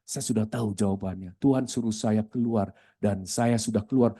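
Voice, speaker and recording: A man's voice: on the low side, normal speed, warm tone, husky, pitched below the performer's own voice. A man voicing a weary, humble middle-aged shopworker, speaking in a tired, pleading way.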